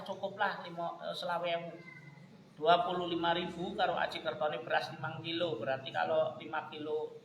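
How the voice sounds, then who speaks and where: A man with a Javanese accent preaching and telling personal stories, swinging from loud to hushed and mixing in Javanese. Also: fairly high pitch, roomy sound, poor audio. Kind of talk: religious talk with personal stories. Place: gathering hall.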